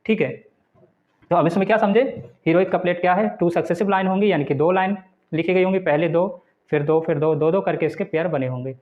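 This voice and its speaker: A man teaching a lecture for exam students, slowly reading out English definitions and then explaining them point by point. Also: high-pitched. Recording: dull lo-fi recording.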